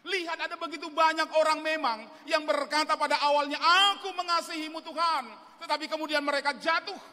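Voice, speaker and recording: High, bright-voiced preacher. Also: male voice, brisk. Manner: animated storytelling, rising to emphatic exhortation. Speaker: pastor. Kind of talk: sermon. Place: large church. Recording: reverberant church hall.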